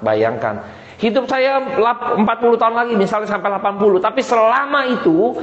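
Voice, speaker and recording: A man in his forties giving an emphatic sermon, putting rhetorical questions to the congregation. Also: fairly high pitch. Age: 40s. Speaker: preacher. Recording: echoey hall, dull muffled sound.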